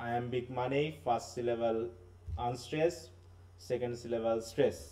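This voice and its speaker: Teacher explaining with frequent check-ins. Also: male voice, mid-range voice, steady tone, fairly quick, dark tone, recorded from a distance. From Bangladesh. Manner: explanatory, often checks understanding with tag questions; mixes in English terms and phrases. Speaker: English literature teacher. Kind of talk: live online class lecture.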